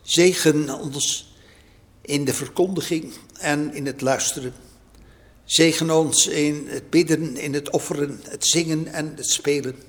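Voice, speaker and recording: A man leading a church service, praying and reading scripture in a measured, solemn way. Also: on the high side. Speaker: worship leader. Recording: long church reverb.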